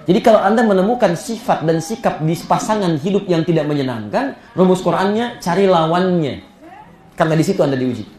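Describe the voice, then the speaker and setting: A man preaching a sermon, telling stories with a voice that leaps high for emphasis and drops low and soft. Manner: animated storytelling, voice climbing high for emphasis and dropping soft. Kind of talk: Islamic sermon to a congregation. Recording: echoey hall.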